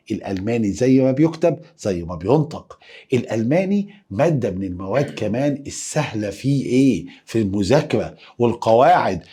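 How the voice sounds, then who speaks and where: A man with an Egyptian Arabic accent teaching a lively lesson, playfully coaxing students to repeat letters after him. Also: medium pitch, breathy edge. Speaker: German teacher.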